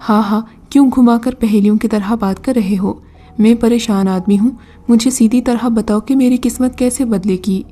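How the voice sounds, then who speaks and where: A woman's voice: a little high, steady tone, mellow, close to an everyday voice. A woman voicing a poor, desperate young man who pleads in a flustered way in a storybook reading. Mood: confused.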